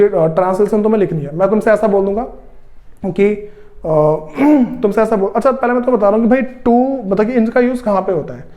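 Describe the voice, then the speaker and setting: A man with a high voice teaches English grammar to his students. He talks slowly, repeats each rule, and keeps clearing his throat between the steps. His first language is Hindi. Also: a little mellow. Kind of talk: spoken grammar lesson.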